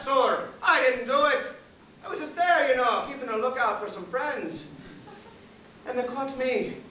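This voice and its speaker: An actor playing a fawning Irish convict hangman, high and bright. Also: exaggerated voice. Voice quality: wheedling, deferential, endlessly says sir. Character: groveling Irish convict hangman, nervous, rambling. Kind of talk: live stage play acting. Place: theater stage. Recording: echoey theater, mic far off, faint hiss.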